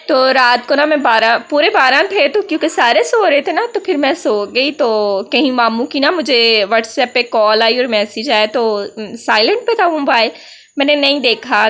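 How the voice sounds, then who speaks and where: Young Pakistani woman, Urdu accent with Punjabi touches, high and chatty, for a vlog voice-over. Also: a bit bright. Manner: chatty storytelling, peppered with "na", often laughing. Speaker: vlogger. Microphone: voice-over mic.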